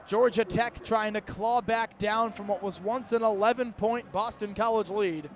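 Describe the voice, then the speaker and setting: Calling a college football game live on radio, a man in his twenties uses clipped, urgent phrasing from the outdoor stadium. His high voice moves at a moderate pace with fairly even intonation, and faint background noise mixes with the stadium ambience.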